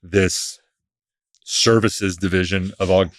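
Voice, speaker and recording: Deep-voiced man hosting an interview. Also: steady tone, slow, no echo, studio quality. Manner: brief encouraging back-channel replies. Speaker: podcast host.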